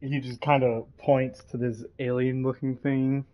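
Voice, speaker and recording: A man's voice: mid-range voice, level tone, unhurried. A man narrating a casual role-play story, rambling with many fillers, on a dull lo-fi recording. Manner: rambling, full of fillers like "like" and "you know".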